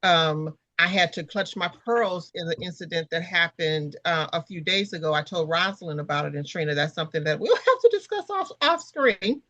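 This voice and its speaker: A woman co-hosting a podcast in casual chat, pausing often with fillers and restarts. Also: fairly low pitch, lively intonation, sharp tone, no echo, dull audio. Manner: halting, many restarts and fillers. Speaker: podcast co-host.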